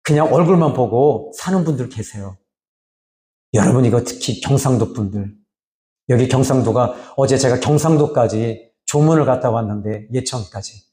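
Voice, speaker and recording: A middle-aged man preaching as a pastor in a church, lively and rising when he voices God's words, then dropping low for asides. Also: moderate pace. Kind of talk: sermon. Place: church sanctuary. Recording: echoey church hall.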